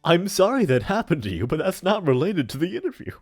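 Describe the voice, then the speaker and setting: A man's voice: high voice, big pitch swings, fast, a little mellow, breathy edge, faint music behind, pitched above the performer's own voice, exaggerated voice. A man voicing a businesslike, mildly exasperated job interviewer with formal, insistent questioning in a comic dramatic reading. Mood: formal, patient.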